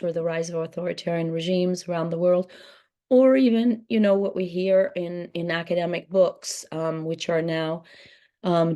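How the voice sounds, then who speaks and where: A woman with a low, mellow voice made croaky and hoarse by laryngitis moderates a book talk. She speaks hesitantly, full of ums and restarts as she sets up the conversation. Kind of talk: introductory remarks at a book talk.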